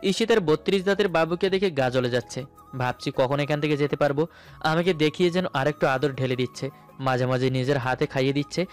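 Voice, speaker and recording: Over background music, a man with a slightly high voice and a brisk pace dramatically narrates a romantic story in the first person, speaking as its male lead.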